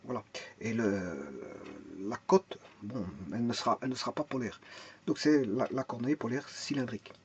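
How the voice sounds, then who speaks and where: A man's voice: medium pitch, normal speed. Male teacher, step-by-step lesson, repeats and restarts, answers his own questions, slightly dull recording, faint background hiss. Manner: thinks aloud, repeats words and restarts often. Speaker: math and physics teacher.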